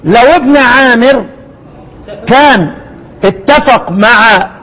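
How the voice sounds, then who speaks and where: A man with an Egyptian accent teaching the readings of a recitation poem, repeating words slowly and quizzing his listeners. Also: extremely high pitch, fairly bright tone, low-quality recording. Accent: Egyptian Arabic. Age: older. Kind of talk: explaining a recitation poem line by line.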